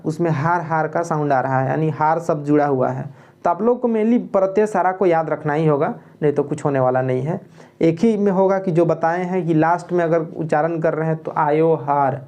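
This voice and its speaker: A teacher runs an exam-prep grammar lesson, explaining plainly, repeating and spelling out word parts, and constantly checking in with "okay?". The voice is mid-range with a darkish tone.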